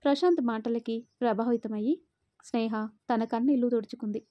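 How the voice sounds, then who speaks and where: A woman narrating a story in a steady, even way. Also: on the high side, fairly quick, no room sound, highs cut off.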